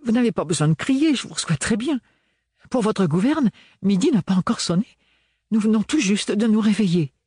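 A man reads an audiobook in a high, animated voice at a moderate pace, pitching above his natural voice to play a reserved young woman who answers in cool, clipped, irritated lines. His tone is darkish and slightly rough, and the recording is dry with a clean studio sound.

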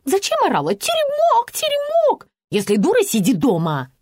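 A woman voicing a shrill, quarrelsome middle-aged woman who hisses her insults. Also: wildly swooping pitch, normal speed, darkish tone, no room sound, clean studio sound, heavily acted. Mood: furious. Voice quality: shrill, hissing.

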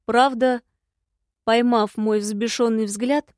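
Brief: woman narrator, first-person audiobook, fairly high voice, dry close sound. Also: fairly even intonation, slow, a little mellow, no room sound.

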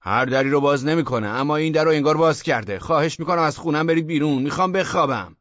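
A man's voice: medium pitch, animated, dry recording, highs cut off, natural voice. A man voicing a rude, pushy intruder in a blunt, bossy manner, in a storybook reading. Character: rude pushy man who broke into the flat.

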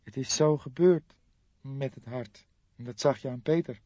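A man reading an audiobook, voicing a wistful elderly woman in a raised falsetto. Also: unhurried, no room sound, lo-fi sound, natural voice. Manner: raised falsetto, soft and mournful. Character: elderly woman, sister of a dead crook, wistful.

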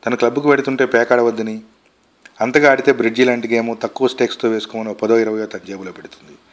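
A man reading a short story aloud in a measured, expressive storytelling manner. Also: medium pitch.

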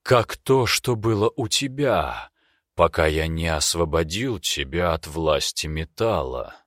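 A man voicing a cunning, imperious male demon with a slow, drawn-out, purring delivery. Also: deep voice, animated, a bit bright, dry recording, clean studio sound, heavily acted. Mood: sly.

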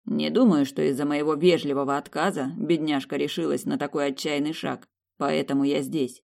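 A reader voicing a self-assured young prince who speaks calmly and teases with slow, mocking lines in an audiobook. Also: mid-range voice, gravelly, natural voice. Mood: earnest. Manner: calm, unhurried, mocking. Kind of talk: audiobook character reading.

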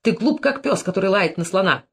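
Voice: medium pitch, husky, pitched above the performer's own voice. A reader doing a grey-bearded old host. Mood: furious. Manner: soothing and slow when calming, fierce when roused. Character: grey-bearded elderly male host, peacemaker turned furious. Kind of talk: audiobook character reading.

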